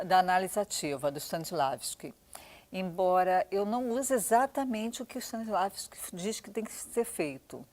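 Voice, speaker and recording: A woman's voice: mid-range voice, darkish tone. A woman theater director explains her working method in a documentary interview. She speaks thoughtfully and often restarts her sentences.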